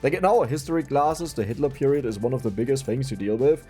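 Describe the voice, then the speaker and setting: This gaming YouTuber, a young German man with a German accent, talks quickly and casually over a video game, laughing at himself often. His voice sits mid-range, mellow yet slightly rough, and faint music plays in the background.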